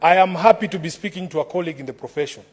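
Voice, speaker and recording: High-pitched Kenyan man, combative parliamentary orator. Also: rapid-fire, breathy edge. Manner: combative, declamatory, repeats formal address to the chair. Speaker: opposition senator speaking in a parliamentary debate. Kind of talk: formal parliamentary debate speech.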